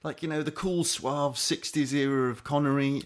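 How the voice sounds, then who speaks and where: A man's voice: on the high side, fairly even intonation, moderate pace. A middle-aged man co-hosting a podcast, chatting casually in a rambling, self-interrupting way and laughing easily. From England. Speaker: podcast co-host. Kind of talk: casual chat.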